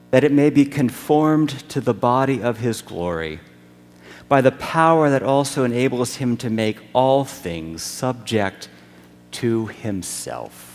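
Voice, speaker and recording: A male pastor delivers a sermon at a slow, unhurried pace, lingering on each phrase. His voice sits at an ordinary pitch and rings out with the long reverb of a large church sanctuary. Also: a little hiss or hum. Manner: slow, measured preaching with deliberate pauses.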